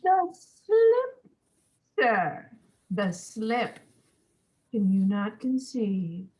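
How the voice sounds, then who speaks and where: A woman's voice: fairly high pitch, huge pitch swings, drawn-out words, a little mellow, full character voice, rough recording. A woman playing a witty, mocking young nobleman, giving the verse a theatrical, teasing delivery. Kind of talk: Shakespeare stage reading.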